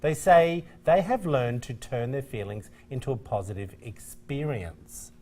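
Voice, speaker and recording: A man's voice: medium pitch, unhurried, mellow. A man co-hosting a midday TV talk show who jokes, teases his co-hosts and rambles in casual studio chat. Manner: joking, teasing, rambling.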